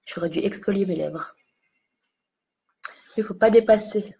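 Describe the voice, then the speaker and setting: A woman's voice: medium pitch, unhurried, vocal fry, warm tone. A young woman chatting casually while doing a makeup tutorial, self-mocking and talking to her viewers as she applies lipstick. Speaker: beauty vlogger.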